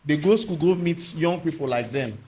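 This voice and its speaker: A man's voice: a little high, lively intonation, normal speed, a little mellow. A man with a Nigerian accent discussing things on a podcast panel, mixing Nigerian Pidgin with English.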